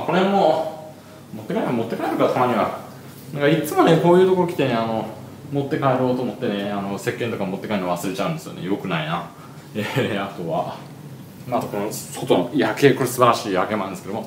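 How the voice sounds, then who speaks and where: A man's voice: fairly low pitch, echoey room, slight background noise. A man touring a hotel suite on camera, chatting casually with many fillers and asides. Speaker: travel vlogger. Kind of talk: casual room tour narration. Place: large hotel suite, indoors. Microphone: handheld 360 camera.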